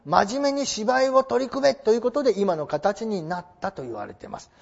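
A man's voice: sits high, animated, fairly quick, gravelly. A man giving a polite, explanatory classroom lecture, posing rhetorical questions to his listeners, on a dull lo-fi recording. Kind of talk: classroom lecture on traditional theatre.

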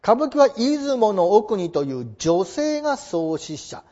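In a classroom lecture on traditional theatre, a man explains things politely and poses rhetorical questions to his listeners. His voice is high-pitched with big swings in pitch, a little slow, and slightly mellow. The lo-fi recording sounds dull.

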